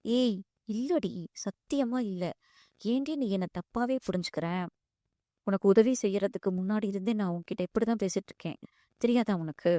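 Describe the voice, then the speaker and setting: A woman's voice: mid-range voice, fairly even intonation, fast talker, warm tone, dry recording, clean studio sound, close to an everyday voice. A woman voicing a wealthy, insistent young man who pleads and scolds in turn. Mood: frustrated. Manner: pleading then scolding, calls her "di".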